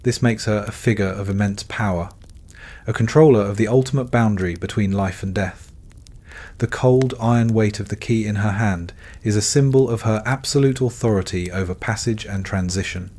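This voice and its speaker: Male narrator, lower voice, measured and solemn, scripted bedtime storytelling with deliberate phrasing. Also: darkish tone.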